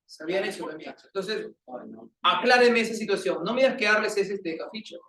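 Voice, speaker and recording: A male teacher with a Peruvian Spanish accent playfully teases and jokes with his students during a classroom lecture. His high-pitched voice is brisk, pushed and bright, recorded from a distance in an echoey classroom.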